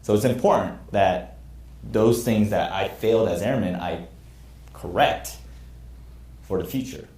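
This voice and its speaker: A military instructor in his thirties teaches a class, speaking earnestly and candidly about mistakes he's made. His voice is lowish and darkish, at a measured pace with frequent pauses. The classroom sounds echoey.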